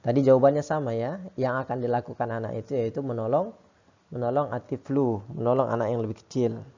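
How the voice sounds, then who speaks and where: A man teaching a lesson, reading each phrase slowly and then explaining it quickly. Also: mid-range voice, fairly even intonation, warm tone. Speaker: Arabic teacher. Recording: dull lo-fi sound.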